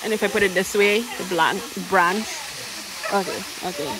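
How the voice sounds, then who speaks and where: A woman's voice: medium pitch, moderate pace, crowd noise, rough recording. A woman from Trinidad filming a casual vlog outdoors, cheering friends on at a waterfall pool. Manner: excited cheering. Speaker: vlogger. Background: waterfall and people.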